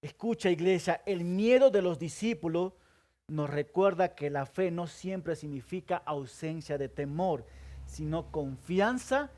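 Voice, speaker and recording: Pastor preaching with dramatic swings. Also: male voice, measured pace. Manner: asks the congregation questions and answers them himself; swings between loud stresses and hushed low asides. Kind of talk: sermon.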